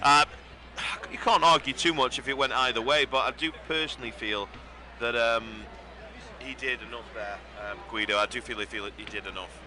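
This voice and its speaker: A man's voice: medium pitch, normal speed. A British man giving chatty, sympathetic live fight commentary and repeating phrases for emphasis. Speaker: boxing commentator. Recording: music and crowd noise behind. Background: loud event music and crowd.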